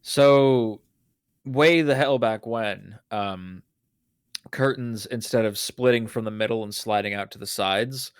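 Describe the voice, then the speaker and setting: A man's voice: on the low side, slow, clean tone, no echo. Chatty man with a dry close sound. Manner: storytelling, chatty with restarts. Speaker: game master. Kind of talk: casual chat among players.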